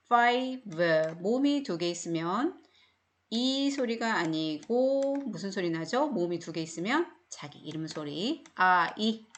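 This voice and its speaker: A middle-aged Korean woman teaches beginner phonics at an unhurried pace. She sounds out each word and says it again, with patient, step-by-step explanations. Her voice sits at an ordinary mid pitch. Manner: patient, explains slowly and repeats words. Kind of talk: recorded online English lesson.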